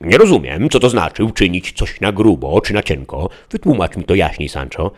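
A proud, deluded knight declaims in grand, archaic phrases, as a man reading an audiobook voices him. His voice is deep and low. It stays close to the reader's own storytelling voice. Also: very animated, normal speed. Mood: lofty. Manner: lofty, archaic, declamatory speech. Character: deluded proud knight-errant, older man, solemn and lofty.

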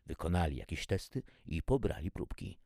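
A man narrating a story in an expressive, animated reading style. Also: sits low, moderate pace, creaky, no echo, studio quality.

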